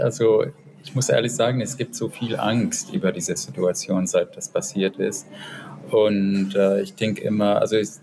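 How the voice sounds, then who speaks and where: A man from Israel answering interview questions in non-native German, often searching for words and correcting himself. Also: fairly low pitch. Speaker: interview guest. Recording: audible background noise.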